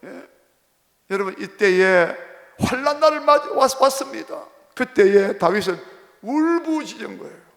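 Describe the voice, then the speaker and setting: High-voiced preaching man in a reverberant church. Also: animated, measured pace, a bit bright. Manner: emphatic, repeats phrases and prompts the congregation. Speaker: pastor. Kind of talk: sermon. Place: church sanctuary. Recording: long reverb of a church hall.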